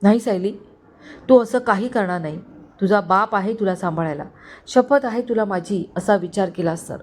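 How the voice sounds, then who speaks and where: A woman's voice: mid-range voice, moderate pace, darkish tone, lightly acted. A woman voicing a kindly older male family servant who speaks tenderly and pleads with a fatherly tone. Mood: anxious.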